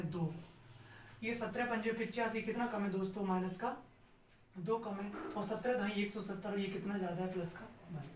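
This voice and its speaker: A man teaching an exam-prep math lesson step by step, asking his students questions and answering them himself. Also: high-pitched. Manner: steady, step-by-step explaining. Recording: roomy sound, distant mic, faint noise.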